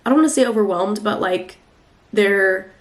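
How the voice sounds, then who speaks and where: Still stuffy from the flu, a young tarot reader chats through her casual weekly reading at a moderate pace, her nasal voice pitched mid-range. She rambles loosely and drifts off into frequent fillers.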